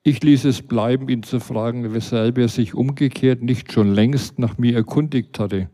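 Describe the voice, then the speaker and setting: A man's voice: medium pitch, fairly even intonation, moderate pace, mellow. A man reading a humorous first-person story aloud in a dry, wry way.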